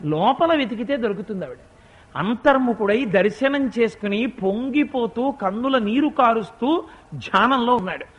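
A man's voice: very high-pitched, normal speed, lo-fi sound. A man giving a devotional storytelling sermon, talking straight to his listeners and acting out the people in his story. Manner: animated storytelling, acts out quoted characters, addresses listeners directly. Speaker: spiritual discourse speaker.

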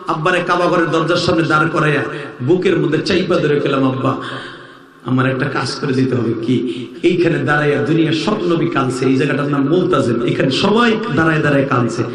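A man's voice: a little high, fairly quick, fairly bright tone. A man from Bangladesh preaching an emotional, sing-song sermon to an outdoor crowd. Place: outdoor religious gathering. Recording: echoey open-air PA sound.

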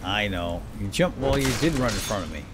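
On the low side and sing-song, this man talks a little fast over heavy background noise. He's a let's player giving playful commentary with light role-play, addressing himself and his in-game companions as video game cave ambience, combat, and sound effects fill the backdrop.

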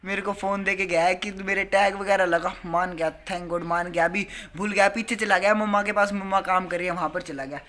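Bright, coaxing young man vlogging. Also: sits high, steady tone, a little fast, hardly any pauses. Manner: pleading, coaxing, repeats apologies. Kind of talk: casual vlog chat.

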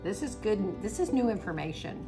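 A woman's voice: medium pitch, lively intonation, moderate pace, music in the background. A middle-aged woman, chatting casually as a cooking vlog host, laughing and searching for words. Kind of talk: casual chat.

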